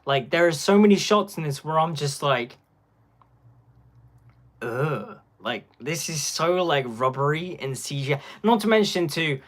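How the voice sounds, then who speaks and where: A man's voice: a little high, lively intonation, normal speed, few pauses, fairly bright tone. A young man giving casual live-stream commentary on a phone, rambling and packing his talk with filler words.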